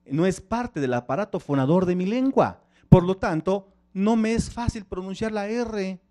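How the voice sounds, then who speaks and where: A man's voice: sits high, moderate pace, warm tone. Tzeltal-speaking man giving a conference talk. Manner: engaging, asks the audience questions. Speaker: panel speaker. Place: conference hall.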